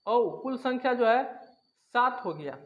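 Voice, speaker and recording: A man's voice: very high voice, expressive, measured pace, dull audio. A man teaching a grammar lesson, explaining each point step by step, asking questions and answering them himself, and repeating key terms. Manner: repetitive, asks and answers own questions.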